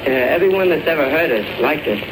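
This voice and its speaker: A man's voice: on the high side, expressive, quick pace. A young man talking in a brash, eager way while auditioning on a 1930s radio show, heard from a worn tape copy of the broadcast. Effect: worn tape copy of a 1935 radio broadcast. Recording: noisy old radio recording from far off.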